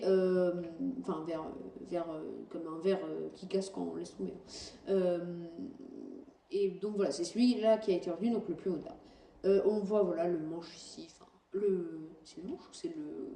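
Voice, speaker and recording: A woman talks through game footage in a casual, halting way, stopping often to correct herself. Her voice is very dark and mellow. She sounds set back from the mic in a roomy space with a faint hum behind her. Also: mid-range voice. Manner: hesitant, many fillers and self-corrections. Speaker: gaming channel host. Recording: roomy, distant mic, faint background noise.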